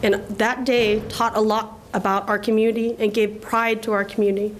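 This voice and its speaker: A woman's voice: mid-range voice, flat delivery, normal speed, a little hiss or hum, poor audio. A woman from Laos in her forties giving an earnest, emotional award acceptance speech at a podium. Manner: earnest, emotional, tearful at times. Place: government ceremony room.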